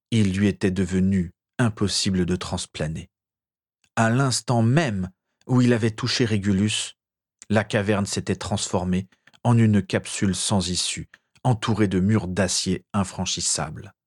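A man narrating a story in a measured, expressive storytelling manner. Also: lowish voice. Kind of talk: dramatic story reading.

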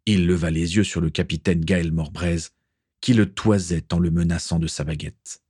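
A man narrating an adventure story in a steady, even reading voice. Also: low voice, moderate pace, breathy edge, no echo, studio quality. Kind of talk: audiobook reading.

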